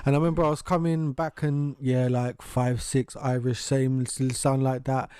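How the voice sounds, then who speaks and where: A man's voice: mid-range voice, moderate pace, clean tone, dry recording, clean studio sound. A young man from talking casually on a podcast, swearing freely and laughing as he tells stories. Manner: animated storytelling, swears freely, laughs often. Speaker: podcast co-host. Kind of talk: casual uncensored chat.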